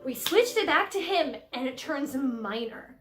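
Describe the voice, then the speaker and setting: A young woman singer explaining a song in a casual lesson, animated and giggly, acting out lines dramatically. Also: high-pitched, a little slow. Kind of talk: casual music lesson vlog. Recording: echoey room with soft piano music.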